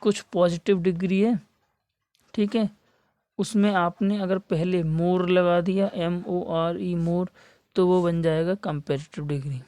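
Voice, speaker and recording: Mellow-voiced male teacher spelling words out. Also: high-pitched, fairly even intonation, dry recording. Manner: spells words letter by letter and repeats key terms; stretches words slowly for emphasis. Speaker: English teacher for competitive exams. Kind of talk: classroom lesson.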